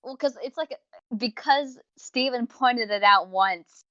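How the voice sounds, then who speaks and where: A woman with a higher-pitched, slightly slow voice co-hosts a casual fan podcast reviewing audio dramas, rambling on talkatively with slangy wording and acting out imagined remarks. The sound is lo-fi, with a crowd audible behind her.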